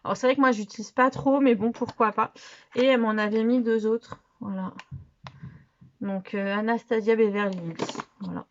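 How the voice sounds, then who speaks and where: A woman vlogger chatting casually about makeup she bought, hesitant with many fillers, trailing off softly as she handles products. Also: on the high side, steady tone, normal speed, muffled recording. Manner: handling products while talking, often trailing off quietly. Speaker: beauty vlogger. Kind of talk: casual haul video chat.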